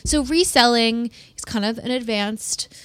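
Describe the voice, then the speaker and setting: Woman podcast host with vocal fry. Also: on the high side, measured pace, a bit bright, no room sound. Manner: casual, peppered with "like". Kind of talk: chatty advice podcast talk.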